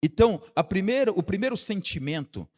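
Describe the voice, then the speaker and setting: A male Brazilian pastor preaching a sermon, swinging from emphatic raised passages to slow, hushed ones and often asking the congregation if they understand. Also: sits high, animated. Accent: Brazilian Portuguese. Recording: long hall reverb.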